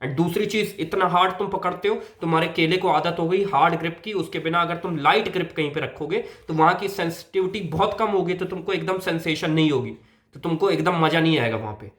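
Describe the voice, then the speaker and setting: A man's voice: on the high side, fairly quick, a bit bright. A young man from India giving blunt, casual advice straight to the viewer, mixing English into his talk. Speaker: men's health creator. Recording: roomy echo.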